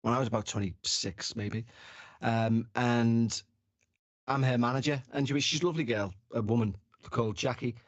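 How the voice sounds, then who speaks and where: A man telling anecdotes in relaxed, chatty conversation, at a medium pitch. He acts out each quote and swears casually. His voice is recorded close and dry, with no room sound. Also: normal speed, dry recording, dull audio. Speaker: podcast guest or host. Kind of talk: casual chat, storytelling.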